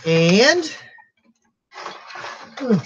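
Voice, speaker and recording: A woman hosts an easygoing live-stream auction in a medium-pitched, very animated and slightly bright voice. She chats, laughs frequently and lingers slowly over her words. A little hiss or hum runs under the dull, lo-fi livestream audio.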